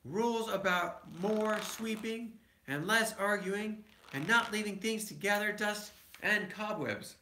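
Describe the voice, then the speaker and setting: A man's voice: high-pitched, takes it slowly, few pauses, pushed and bright, reverberant, a little hiss or hum, voice pushed up, full character voice, poor audio. A man voicing an exasperated mother bear in a storybook, firm and scolding.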